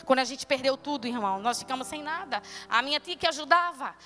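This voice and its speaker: A woman's voice: high voice, animated, fast, bright, forceful tone, faint music behind. A woman preacher giving a fervent, exclamatory testimony sermon to her church congregation. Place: church service.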